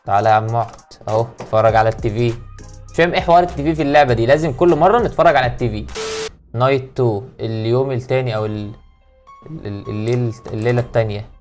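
Egyptian guy playing a scary game, jokes around, mutters prayers when spooked, music low behind. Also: racing, a little mellow. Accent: Egyptian Arabic. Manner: jokey, nervous, mutters prayers when startled. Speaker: gaming YouTuber. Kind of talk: horror game let's play commentary.

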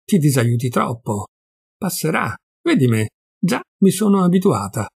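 A man's voice: on the high side, sing-song, normal speed, vocal fry, husky, no echo, clean studio sound, heavily acted. A resigned older sister, read by a man. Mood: consoling. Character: worldly married sister, resigned.

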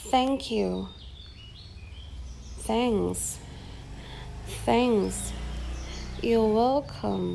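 A young woman who teaches English with a Thai accent and repeats each phrase slowly for her pupils to say back. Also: on the high side, gravelly, a little mellow, slight background noise. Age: young adult. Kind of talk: slow, drawn-out classroom teaching.

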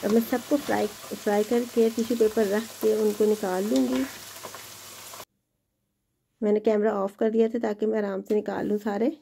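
A woman's voice: mid-range voice, steady tone, moderate pace, vocal fry, mellow, slight background noise, poor audio. A woman hosting a home cooking video, chatting in an encouraging way as she cooks in her kitchen. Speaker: home cooking channel host. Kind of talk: casual cooking demonstration.

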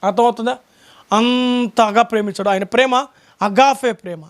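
A man's voice: very high-pitched, fairly even intonation, moderate pace. A man preaching a sermon as pastor, emphatic, with repeated rhetorical questions. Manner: calls out lines for a reader to read aloud.

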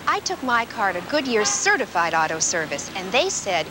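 A friendly middle-aged woman gives a car-service testimonial played by an actress in a TV ad. Her delivery is animated, with clear background noise. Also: medium pitch, normal speed, natural voice. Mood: questioning. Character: friendly adult female car-service customer. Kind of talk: TV commercial testimonial.

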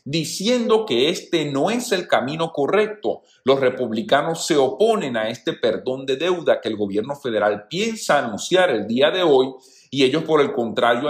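A man hosting a news channel, giving opinionated commentary in voice-over and addressing viewers as friends. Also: medium pitch. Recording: roomy echo.

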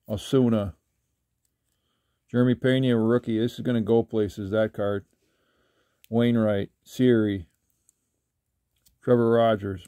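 An older man talking casually while sorting trading cards, rambling with halting restarts. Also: lowish voice, warm tone, dry recording, studio quality. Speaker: trading card collector. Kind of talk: casual card-flipping commentary. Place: indoors at a table.

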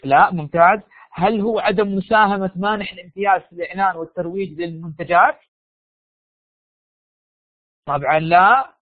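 A man's voice: high-pitched, fairly quick, pauses often, no room sound. A Saudi man lecturing in a live online class, quizzing his students, sick with a sore throat. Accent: Saudi Arabian. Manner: animated, coaxes students with quiz questions. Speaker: university lecturer. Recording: dry, phone-like online lecture audio.

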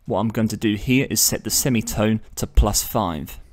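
Like a channel host, a low-voiced man calmly walks viewers through software one step at a time. He narrates the screen in a measured, instructive tone, explaining each click along the way.

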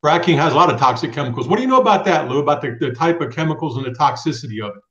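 Here the same trucking-channel host, a middle-aged man in a small room at home, talks very fast and animatedly in a slightly high, fairly bright voice. He stays firm and direct while reading out viewer questions on his live video chat. The webcam picks him up with a roomy, somewhat dull sound.

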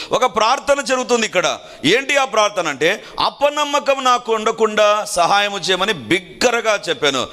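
A man's voice: sits high, pushed and bright. A man preaching a sermon earnestly, repeating phrases for emphasis and slipping in English lines.

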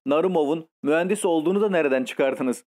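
A man reading the lines of a polite young man, the countess's grandson, in an audiobook, in a hurried manner. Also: fairly high pitch, darkish tone, lightly acted.

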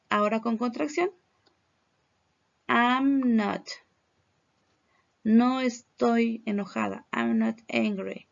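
A Mexican woman teaches English in a recorded slide lesson, explaining patiently and modeling words for her students to repeat. Her voice sits a little high with a gravelly edge, and she speaks very slowly. The recording sounds dull and lo-fi.

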